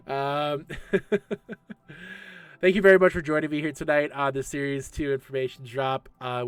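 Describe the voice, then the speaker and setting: A man's voice: medium pitch, smooth. A man in his late thirties hosting a casual livestream Q&A for an esports league, chatty and laughing often while answering chat. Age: 30s.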